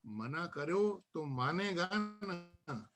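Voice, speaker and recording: A male poet recites his verse slowly and deliberately, letting each refrain land. His voice sits a bit high for a man. He also reminisces at an easy, unhurried pace. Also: animated, a crowd in the background. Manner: measured recitation with repeated refrains. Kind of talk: reciting poetry at a literary gathering.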